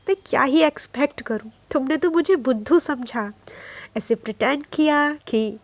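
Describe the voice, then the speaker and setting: A woman's voice: high-pitched, no echo. A woman voicing a hurt, angry young man who bitterly accuses the friend who deceived him, mixing in English phrases. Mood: cold, bitter.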